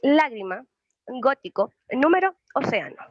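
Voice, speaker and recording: A woman's voice: high voice, big pitch swings, moderate pace, no echo, highs cut off. A young woman with an Ecuadorian accent, a student who reads a lesson by asking questions and then answering them. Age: young adult. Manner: explains through questions and answers. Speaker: student presenter. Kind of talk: read class presentation.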